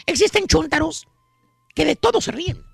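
A man's voice: extremely high pitch, normal speed, gravelly, fairly bright tone, slight background noise. A man with a Mexican accent hosting a radio comedy show, joking and bossing his co-hosts around in playful banter.

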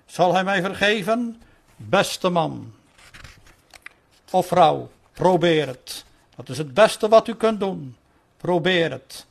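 Male sermon reader, high gravelly voice, earnest and pleading. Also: animated. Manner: earnest pleading delivery, slowing for quoted calls. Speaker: preacher reading a sermon. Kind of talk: sermon reading.

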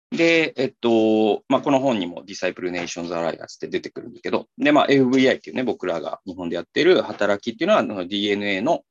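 Low-voiced man explaining, full of fillers. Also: lo-fi sound. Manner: rambling, many fillers and restarts. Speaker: talk show co-host. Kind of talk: casual explanatory talk.

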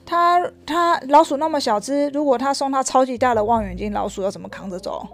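A mother reading a picture book aloud to her child, lively and stopping to ask questions. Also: sits high, fairly quick, vocal fry.

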